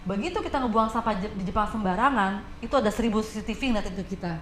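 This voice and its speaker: On a casual talk show, a female guest with an Indonesian accent talks at a racing pace in a medium-pitched voice. She tells her stories in an animated way and acts out the people she quotes, in an echoey room with faint background noise.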